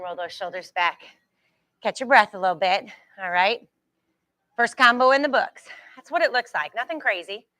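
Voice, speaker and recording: Bright, high-voiced woman coaching a workout. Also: no echo. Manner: encouraging, reassuring; instructs in short repeated cues and countdowns. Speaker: fitness instructor. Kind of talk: live group exercise class coaching.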